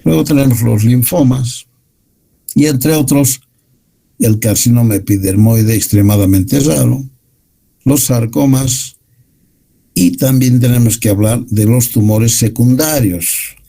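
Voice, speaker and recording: A man giving a university medical lecture, explaining slides in a measured way. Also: medium pitch, creaky, dark tone, slightly rough, low-quality recording.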